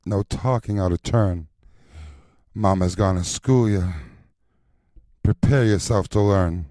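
A man performing recorded voice lines as a sassy, confident drag mother teaching a class, in a slow rhythmic chant with sultry stretched endings. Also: deep voice, mellow, dry recording, studio quality.

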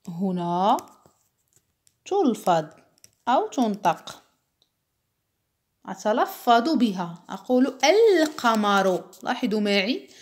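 A woman teacher explaining spelling in a deliberate, unhurried way. She says each word slowly and clearly, repeats it, and keeps stopping to check that her young pupils follow. Her voice sits at an ordinary middle pitch. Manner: patient, repeats words and asks "understood?". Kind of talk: slow classroom explanation for children.

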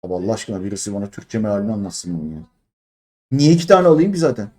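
A man in his thirties from Turkey, streaming a mobile game and complaining in exasperation as he opens crates, jumping between loud high outbursts and low mutters. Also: sing-song, fast. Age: 30s. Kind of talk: live-stream crate-opening commentary.

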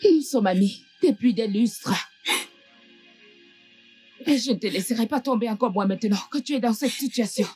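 An actress dubbing a loyal friend who slowly consoles a crying woman. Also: a little high, lively intonation, dark tone, slightly rough, faint music behind. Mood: consoling. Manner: slow, consoling, repetitive. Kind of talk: dubbed film drama.

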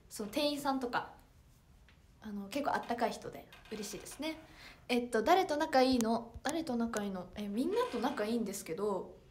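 A woman's voice: on the high side, darkish tone, a little hiss or hum. A sixteen-year-old girl with a Toyama accent, chatting politely on a livestream and reading out viewer comments with many fillers. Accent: Toyama dialect. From Toyama, Japan. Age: teens (16). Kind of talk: casual livestream chat.

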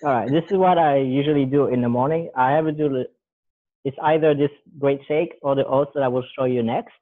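A brisk, mid-range male voice belongs to a guest in his thirties giving a casual cooking demo. He walks through the recipe in a relaxed, rambling way, correcting himself as he works with his hands. The setting is a large, bare indoor room with a counter, and the audio is thin and phone-like.

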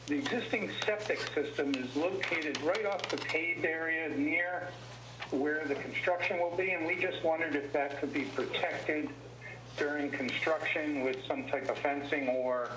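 A man calling in to a town board meeting to give a formal public comment, heard over a speakerphone in the meeting room, measured and polite as he lays out his requests point by point. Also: medium pitch. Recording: echoey speakerphone with background noise.

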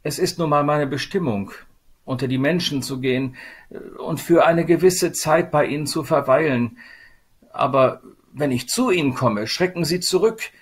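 A man's voice: on the high side, normal speed, breathy edge, pitched above the performer's own voice. A man voicing a small, sorrowful female spirit of sadness in a storybook reading, with a plaintive, lamenting manner.

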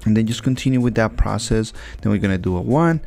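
A man's voice: fairly low pitch, lively intonation, fast talker, gravelly, a little mellow, soft background music. A young man, a barber, talking casually over haircut footage in a rambling way with many fillers and restarts.

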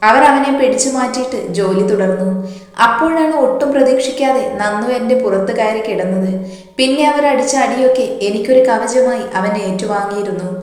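A woman narrating a first-person story in a calm, measured way, her sentences softly trailing off. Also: fairly high pitch. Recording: echoey room with long reverb.

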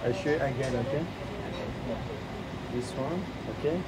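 A man's voice: mid-range voice, moderate pace, heavy background noise. A man, a shopkeeper coaxing customers in broken English and repeating his phrases, recorded on a handheld camera in a small shop. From Pakistan. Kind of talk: sales talk with customers. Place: small textile shop indoors.

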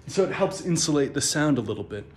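A thirty-something minister talks at a quick pace in a fairly high-pitched voice while walking through an old stone church, both inside and on the roof. Holding his phone at arm's length, he gives a chatty, relaxed, casual tour.

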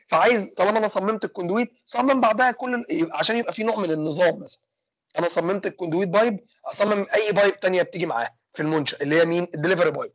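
Fast-talking Egyptian man lecturing. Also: sits high, no room sound. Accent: Egyptian Arabic. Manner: fast, asks and answers his own questions. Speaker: engineering lecturer. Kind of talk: online lecture with student questions.

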